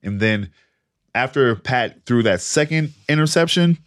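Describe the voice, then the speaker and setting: A man's voice: medium pitch, animated, a little slow, fairly bright tone, no room sound, clean studio sound. A man co-hosting a podcast in casual, profane, laid-back banter. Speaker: podcast co-host. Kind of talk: casual chat.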